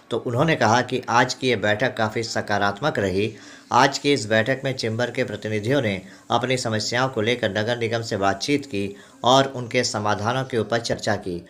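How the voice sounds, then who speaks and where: Male news voice-over, bright tone, measured formal reading. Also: mid-range voice, steady tone. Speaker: news reporter. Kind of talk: scripted news narration.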